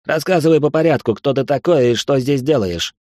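A man's voice: medium pitch, brisk, darkish tone, dry recording, clean studio sound, pitched above the performer's own voice, natural voice. A man voicing a hot-tempered, arrogant young male heir in an audiobook, barking his questions angrily. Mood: angry, barking. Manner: angry barking.

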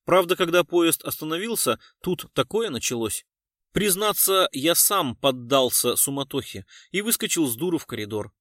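A man's voice: fairly high pitch, expressive, normal speed, a bit bright, dry recording, studio quality. A man voicing a formal male army engineer major who answers in clipped military phrases.

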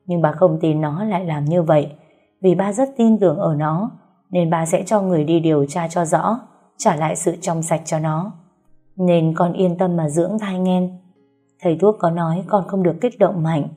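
A calm father-in-law who heads the household in an audiobook, reassuring and measured, as a woman narrator puts him on. The voice is low and husky, with a mellow tone. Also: soft background music.

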